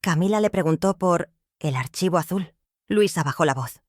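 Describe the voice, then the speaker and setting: Low-voiced woman narrating drama. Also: lively intonation, normal speed, no echo, clean studio sound.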